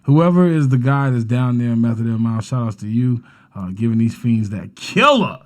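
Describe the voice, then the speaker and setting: A man's voice: mid-range voice, animated, moderate pace. A man with a Boston accent, co-hosting a comedy podcast and telling a story in a laid-back, profane way. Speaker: podcast co-host. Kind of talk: casual chat.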